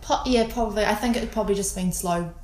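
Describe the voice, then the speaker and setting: A woman with a New Zealand accent, talking casually in an interview, relaxed and hesitant with many ums and restarts. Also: mid-range voice, fast, echoey room, slight background noise, rough recording. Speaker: guest photographer.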